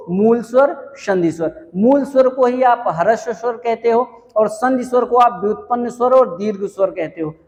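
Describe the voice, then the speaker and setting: A male teacher giving an exam-prep grammar lecture, asking questions and answering them himself and repeating key points slowly. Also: high voice, a little mellow, in a large hall. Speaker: Hindi teacher.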